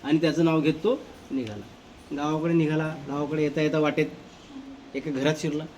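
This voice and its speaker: A male schoolteacher telling a story to children in a lively way, repeating his phrases as he goes. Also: a little high, fairly quick, slight background noise. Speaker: teacher.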